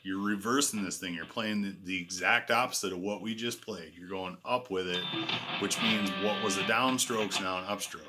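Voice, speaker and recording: A man giving a casual guitar lesson in a relaxed, self-deprecating way, calling out frets and counting beats. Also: low voice, moderate pace. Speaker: guitar teacher. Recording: loud guitar playing behind the voice. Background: electric guitar.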